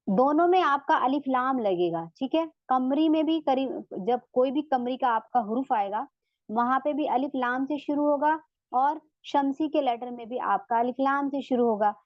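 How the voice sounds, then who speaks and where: A woman's voice: high voice, moderate pace, no room sound, muffled recording. A woman teaching a tajweed lesson online, explaining patiently and repeating examples. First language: Urdu.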